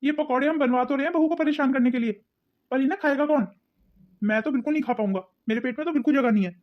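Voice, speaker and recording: A woman's voice: high voice, very fast, close to an everyday voice. Pompous uncle voiced by a woman, bossy and teasing, muffled recording. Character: pompous middle-aged uncle, brother of the mother-in-law.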